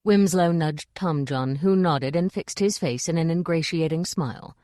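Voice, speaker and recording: Low-voiced woman reading an audiobook. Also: moderate pace, mellow, no echo, studio quality. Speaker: audiobook narrator. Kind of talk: scripted narration.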